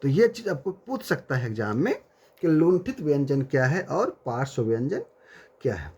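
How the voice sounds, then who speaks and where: A man teaching a Hindi grammar lecture to students, repeating key terms slowly and calling his listeners friends and dear children. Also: medium pitch, very animated, darkish tone, slightly rough.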